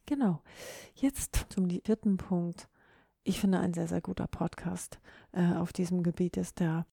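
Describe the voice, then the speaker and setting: A woman hosting a solo podcast. She speaks in a soft, breathy, instructive way. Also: lowish voice, dry recording, studio quality. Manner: instructive, demonstrates word stress on example sentences. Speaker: podcast host.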